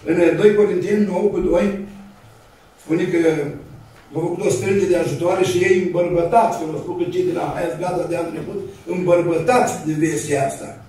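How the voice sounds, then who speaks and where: A man's voice: sits high, steady tone, dark tone. A Romanian man preaching a sermon in a church, telling stories and acting out the voices of the people in them. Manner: storytelling, acting out voices in anecdotes. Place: church hall. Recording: echoey church, mic far off.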